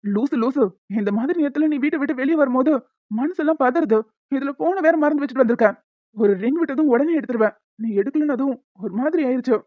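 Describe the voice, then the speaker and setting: A woman voicing a hot-tempered young man in a cartoon, scolding and quick. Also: high-pitched, no echo, close to an everyday voice. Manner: scolding, fast. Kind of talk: cartoon dialogue. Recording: dull lo-fi dry sound.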